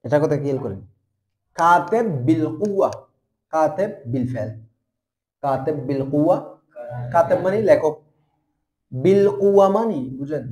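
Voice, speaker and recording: A young man with a Bangladeshi Bengali accent teaching a grammar lesson, asking questions and answering them himself, and repeating terms slowly. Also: on the high side, dark tone, reverberant. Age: young adult. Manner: spells out letters and repeats terms.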